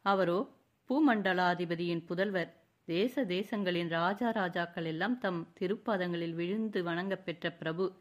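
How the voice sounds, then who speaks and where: A woman's voice: fairly low pitch, measured pace, close to an everyday voice. A woman narrator voicing a proud young dancer, a sculptor's daughter, who speaks bitterly and formally through her pet fawn. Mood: hurt, proud.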